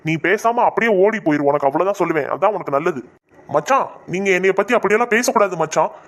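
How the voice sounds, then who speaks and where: A man's voice: sits high, animated, fast, fairly bright tone. A man voicing a pushy, cocky young rival suitor in a comic cartoon, brash and defiant.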